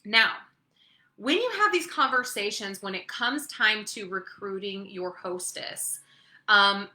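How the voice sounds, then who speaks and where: A woman's voice: medium pitch, pushed and bright, echoey room. A woman leading a webinar training for her sales team, upbeat and chatty, often checking in with "okay?" and "right?". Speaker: network marketing team leader.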